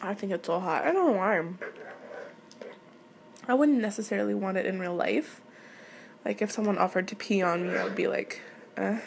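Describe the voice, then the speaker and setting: A native French speaker from Quebec, a young adult in her late teens, answers listener questions for her audio channel in a candid, giggly, hesitant ramble. Her mid-range voice is creaky and of normal speed, with long pauses. Slight background noise can be heard.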